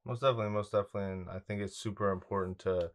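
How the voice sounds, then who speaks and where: A man's voice: lowish voice, fairly even intonation, racing. A young man hosting an interview show, welcoming and affirming his guest in an upbeat way with plenty of "yeah" and "you know". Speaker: podcast host. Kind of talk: casual interview.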